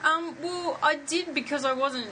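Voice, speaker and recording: A woman's voice: high voice, measured pace, pushed and bright, a little hiss or hum, rough recording. A woman hosting a casual chat, laughing often and teasing her guests.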